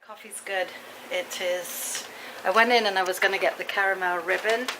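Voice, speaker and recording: A woman's voice: medium pitch, fairly even intonation, normal speed, noisy background. A middle-aged woman from England, chatting casually to viewers in a rambling, anecdotal vlog style. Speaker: vlogger.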